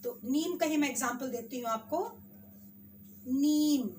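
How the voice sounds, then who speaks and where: A woman teacher with an Indian accent, slowly sounding out words for children in a spelling lesson. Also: high-pitched, distant mic, slight background noise. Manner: slow, drawn-out sounding of words.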